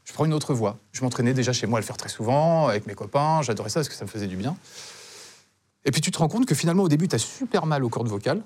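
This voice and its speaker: A man's voice: medium pitch, quick pace, breathy edge. A man in his forties, a charisma coach, chatting casually and telling a rambling story with lots of restarts. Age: 40s. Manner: animated, rambling, frequent restarts and fillers. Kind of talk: casual comic chat, storytelling.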